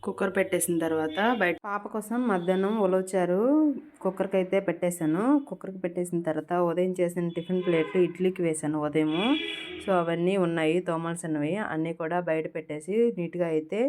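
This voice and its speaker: Young woman, casual home vlog, fairly low voice. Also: fairly even intonation, fairly quick, a little mellow, slight background noise. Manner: chatty, talks to her toddler in a raised coaxing voice. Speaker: vlogger, mother.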